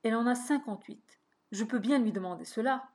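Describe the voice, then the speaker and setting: A woman's voice: a little high, brisk, darkish tone, lightly acted. A woman reading a nervous old bachelor. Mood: anxious. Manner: hesitant, stammering. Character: anxious older male bachelor, 62, hesitant.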